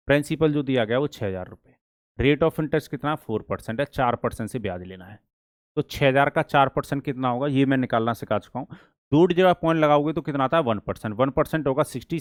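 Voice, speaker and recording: During an exam-prep maths lesson, a medium-pitched man poses questions to the class and answers them himself, reading problems slowly and deliberately. The recording is dry and studio quality.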